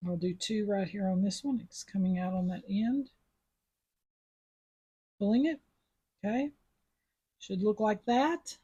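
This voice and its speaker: Husky-voiced woman teaching beadwork. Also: mid-range voice, a little slow, pauses often, dark tone, dull audio. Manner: chatty, step-by-step instructions. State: sucking a mint after coughing. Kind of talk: casual craft tutorial.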